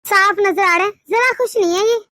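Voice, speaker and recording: A woman's voice: very high voice, normal speed, bright, forceful tone, dry recording, clean studio sound. A woman voicing a grumbling, accusing sister-in-law in a cartoon story. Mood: resentful.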